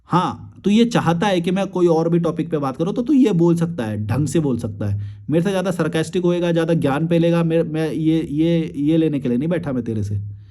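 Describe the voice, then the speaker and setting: A man's voice: on the high side, lively intonation, moderate pace, warm tone. A young man, a YouTube creator, replying to viewer comments in a blunt, crude and combative rant with frequent swearing.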